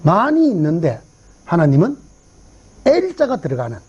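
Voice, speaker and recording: Pastor, sermon, storytelling, rhetorical questions, mellow husky voice, dull lo-fi recording. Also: mid-range voice, huge pitch swings, normal speed. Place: church revival meeting.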